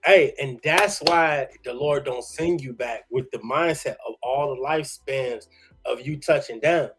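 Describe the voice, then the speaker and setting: Excited slangy man reacting on stream. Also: medium pitch, measured pace, husky, soft background music. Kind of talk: casual live reaction commentary.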